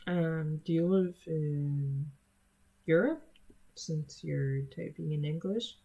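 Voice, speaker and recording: A gravelly, warm voice of medium pitch belongs to a young adult streamer from the United States whose native language is Spanish. He or she chats with viewers casually, unhurried and hesitant, with many fillers.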